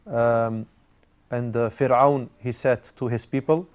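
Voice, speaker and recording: A man's voice: mid-range voice, steady tone, slow, a little mellow. A man teaching an Arabic grammar class, explaining step by step with frequent "uh" fillers and Arabic terms mixed in. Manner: explains step by step, repeating key words.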